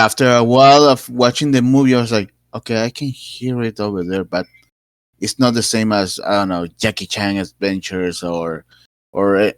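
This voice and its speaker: Podcast cohost guy, lowish voice, dry close sound, rambles with lots of uhs. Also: no echo. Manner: rambling, many fillers and restarts. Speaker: podcast co-host. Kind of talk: casual chat.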